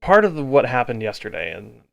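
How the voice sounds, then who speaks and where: A man with a gravelly, middling-pitched voice talks through his video game in a casual, halting way. He sounds worn out and thinks aloud as he goes, with faint music playing behind him. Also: big pitch swings. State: exhausted. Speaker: gaming video host. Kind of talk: casual gameplay commentary.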